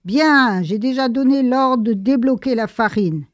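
Give me a woman voicing a courteous, worldly army lieutenant in a storybook reading, slow and dry. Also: a little high, dry recording, highs cut off, voice pushed up, natural voice. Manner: polite, gallant.

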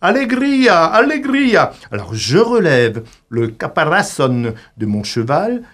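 A man's voice: mid-range voice, big pitch swings, unhurried. A man telling a comic radio monologue as the show's columnist, staging a street quarrel like a bullfight with mock commentary, cries of olé and sly asides to the listeners.

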